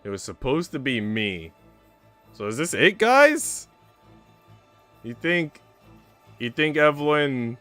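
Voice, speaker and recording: A mid-range male voice, pushed and bright, carries this informal livestream as the man rambles in slang and reads from a visual novel. Faint game music sits in the background.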